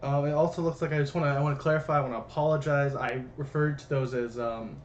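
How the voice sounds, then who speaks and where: A man's voice: mid-range voice, fairly even intonation, fast, a little hiss or hum. A young man co-hosting a casual movie commentary, rambling, correcting himself and apologizing as he goes. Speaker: podcast co-host. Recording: roomy, dull lo-fi sound.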